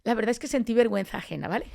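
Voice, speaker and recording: A woman's voice: medium pitch, creaky, warm tone. A woman telling her personal testimony as a podcast guest, acting out the dialogue she recalls. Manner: storytelling, acting out quoted dialogue. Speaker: podcast guest, street evangelist.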